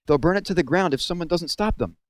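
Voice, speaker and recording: A desperate schoolteacher heroine from a storybook, voiced by a male reader, pitched well above his normal voice. She pleads urgently and stands defiant, in a dry, close sound. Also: fast talker, no echo, close to an everyday voice. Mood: urgent, alarmed.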